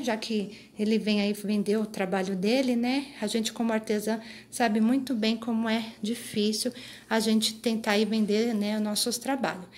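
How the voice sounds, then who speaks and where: A woman in her thirties hosting a casual crochet vlog, chatting to viewers with frequent tag questions while filming on a handheld phone in a small craft room. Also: on the high side. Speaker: crochet channel host. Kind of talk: casual show-and-tell vlog. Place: small craft room indoors, later tabletop close-ups. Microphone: phone held in hand.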